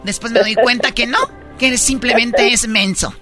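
A woman's voice: a little high, steady tone, normal speed. Mexican female co-host, sassy and blunt, music behind. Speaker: game show co-host. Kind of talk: comedy game show banter.

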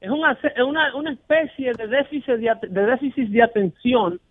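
A man's voice: extremely high pitch, brisk, no echo. A man hosting a radio talk show, arguing emphatically and mimicking callers in quoted voices. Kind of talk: animated radio debate. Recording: dry, phone-like broadcast audio.

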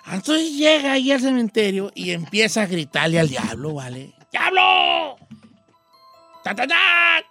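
A man, hosting a radio show and telling an old joke with lively shouted voices. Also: high-pitched, fairly quick, few pauses, soft background music. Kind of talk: joking radio banter and storytelling.

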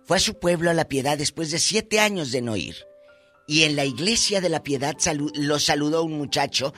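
A man co-hosting a call-in radio show speaks with emotion and exclamation. His voice is bright and forceful, with soft music underneath. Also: fairly high pitch, normal speed. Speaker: radio co-host.

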